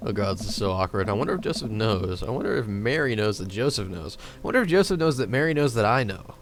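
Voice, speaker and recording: A man's voice: lowish voice, very animated, fast. A man streaming a dating game, chatting casually, joking and swearing freely while narrating the story.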